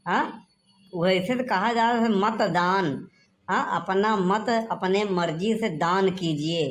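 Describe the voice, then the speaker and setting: A woman voicing a crafty male village headman in a cartoon, bossy and lecturing in an Awadhi accent. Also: on the high side. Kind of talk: cartoon comedy voice acting.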